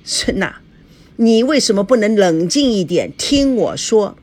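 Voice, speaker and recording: A flustered male manager, read by a woman, pleads and soothes in an eager, placating voice. The delivery swings up and down in pitch. It sounds a little husky. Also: big pitch swings, unhurried, darkish tone. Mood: pleading.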